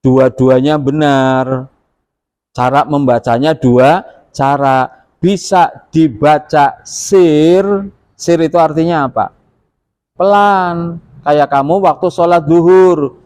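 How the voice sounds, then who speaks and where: A man's voice: a little high, takes it slowly, darkish tone. A middle-aged man teaching pupils how to pray, explaining step by step and asking them questions. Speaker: religious teacher. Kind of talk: classroom prayer instruction. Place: school classroom.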